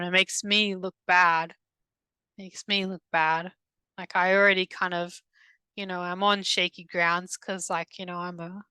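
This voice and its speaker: A woman recounting a past-life regression under hypnosis, halting and hesitant, with many restarts, in a soft, subdued voice. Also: lowish voice, clean tone, no room sound, poor audio. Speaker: hypnosis client.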